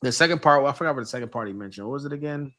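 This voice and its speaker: A man co-hosting a casual commentary panel, explaining points earnestly with halting restarts. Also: medium pitch, pushed and bright.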